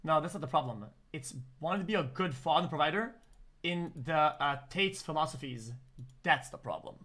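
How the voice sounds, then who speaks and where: A man live-streaming his reactions to a documentary, blunt and excitable, swearing freely. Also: fairly high pitch, normal speed.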